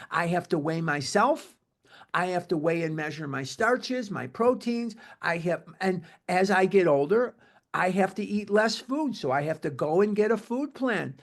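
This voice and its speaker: A man's voice: high voice, expressive, normal speed. A man of seventy leading a recovery meeting, talking earnestly and repeating himself for emphasis. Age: 70s. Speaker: meeting leader.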